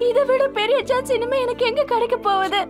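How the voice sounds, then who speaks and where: Very high weeping young woman. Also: brisk, over loud music. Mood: tearful. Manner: weeping, pleading. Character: young woman contestant, desperate and tearful. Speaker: heroine of a film. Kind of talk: film drama acting. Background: loud film score.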